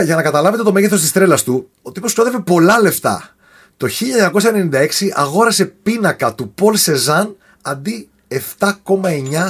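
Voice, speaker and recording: Animated husky man telling a story. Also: on the high side. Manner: animated, trips over foreign names. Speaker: podcast storyteller. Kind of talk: casual storytelling chat.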